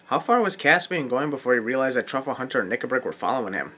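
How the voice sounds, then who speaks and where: A man giving sarcastic scripted commentary, nitpicking with mocking, deadpan asides. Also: mid-range voice, quick pace. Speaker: host of a film nitpicking video. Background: film soundtrack music.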